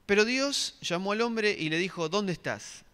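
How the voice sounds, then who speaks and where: In a church hall with long reverb, a middle-aged pastor preaches and asks his congregation questions, making many restarts. He speaks at normal speed in a high-sitting, expressive voice that is sharp yet smooth.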